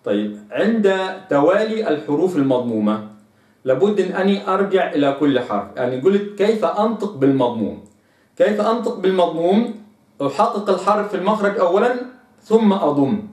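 A man with a fairly high voice leads a pronunciation lesson on recitation, sounding out syllables one at a time and setting right readings against wrong ones. He is recorded from some way off in an echoey room. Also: animated, darkish tone. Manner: deliberate, drills single syllables and contrasts right and wrong readings. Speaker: Quran recitation teacher. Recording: echoey room, mic at a distance.

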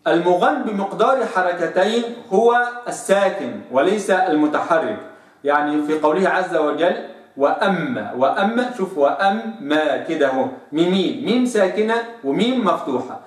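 Man, Egyptian accent, recitation teacher, slow drawn-out sample sounds, rather high voice, roomy echo. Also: expressive, recorded from a distance. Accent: Egyptian Arabic. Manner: explains, then drawls out sample sounds slowly and lower. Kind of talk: tajweed lesson. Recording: echoey room, voice off-mic.

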